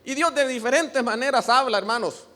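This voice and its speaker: High-voiced man preaching in a reverberant hall. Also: fairly quick, pushed and bright. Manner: earnest preaching, often asks the congregation for agreement. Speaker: pastor. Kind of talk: sermon.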